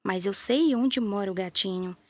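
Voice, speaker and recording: A woman's voice: medium pitch, normal speed, darkish tone, no room sound, lightly acted. A woman with a Brazilian Portuguese accent voicing a kind male greengrocer in a children's story.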